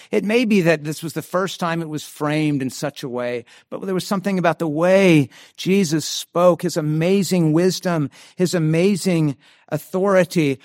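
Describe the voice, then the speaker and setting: A man's voice: fairly high pitch, no room sound, clean studio sound. A man preaching a sermon as pastor, earnest and emphatic, often restarting and repeating his phrases.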